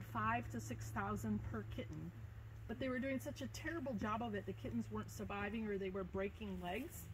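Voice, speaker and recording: A woman with a fairly high voice speaks as a wildlife tour guide, explaining things informally to a group. She is outdoors among animal enclosures, and heavy background noise runs through the recording. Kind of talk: informal educational tour talk.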